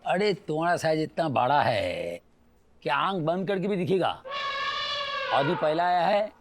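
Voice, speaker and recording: An actor playing a grumpy, dismissive police boss in a comic TV sitcom. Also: male voice, fairly high pitch, lively intonation, unhurried. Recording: music behind the dialogue.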